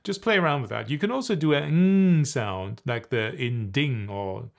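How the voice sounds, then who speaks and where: A man teaching on camera as a voice and presentation coach. His pitch swings widely as he talks, playful and animated, breaking off to demonstrate humming exercises. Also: moderate pace, vocal fry.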